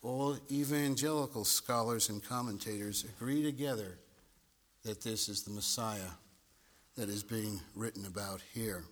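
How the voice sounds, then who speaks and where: At a church pulpit microphone, a man delivers a sermon in a deliberate manner. He repeats words and swells toward emphatic peaks.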